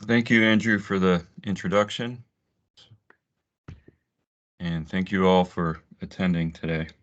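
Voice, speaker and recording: A man's voice: low voice, little pitch movement, unhurried, fairly bright tone. A man speaking as a technical presenter, opening a formal webinar presentation. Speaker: technical presenter, research group leader. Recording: dull, lo-fi online meeting audio.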